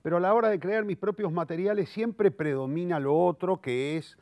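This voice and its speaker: This dry recording captures a high-pitched, darkish-toned man talking fairly quickly. He's in his sixties, a playwright, director and theatre teacher with a Rioplatense Argentine accent, and in the interview he muses eloquently, correcting himself and repeating words as he gropes for what comes next.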